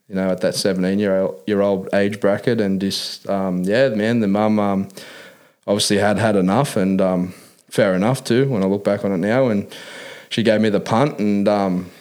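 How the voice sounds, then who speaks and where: Low-voiced Australian man, laid-back working-class slang. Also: darkish tone. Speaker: interview guest. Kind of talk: casual personal interview, telling life story.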